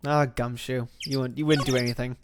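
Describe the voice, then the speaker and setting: A woman voicing a dry, skeptical male defense lawyer in a deadpan noir-detective musing manner, read aloud from a video game. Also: extremely low pitch, a little fast, noisy background, pitched below the performer's own voice. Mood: suspicious.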